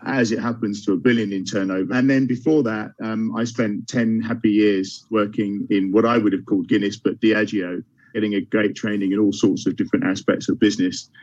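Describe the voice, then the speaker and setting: A man's voice: lowish voice, steady tone, fairly quick, darkish tone, no echo. A man, a finance director, cheerfully introducing himself on a panel with a few restarts. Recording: dry, dull video call audio.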